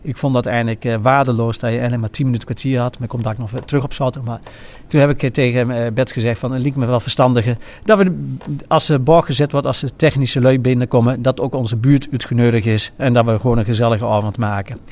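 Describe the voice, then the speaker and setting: A man speaks in an informal, reminiscing way with a regional accent from the east of the Netherlands. His delivery is halting and hesitant, and he often stops mid-sentence to find the next word. His pitch sits in a middle range for a man. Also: fairly even intonation, a little mellow. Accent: regional eastern Dutch. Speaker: former carnival prince and innkeeper recounting his carnival.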